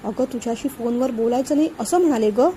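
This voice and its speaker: Vaidehi is a chatty young woman, quick to defend herself, talking to friend and brother in a storybook, as a woman narrator reads her. The voice is high, mellow and close to the narrator's own. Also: slight background noise, natural voice. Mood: chatty, defensive.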